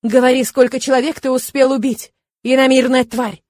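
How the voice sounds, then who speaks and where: A woman's voice: sits high, lively intonation, fast talker, dry recording, voice pushed up. A woman reading an audiobook, voicing a scornful, commanding man who interrogates a prisoner. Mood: harsh. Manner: barking, contemptuous.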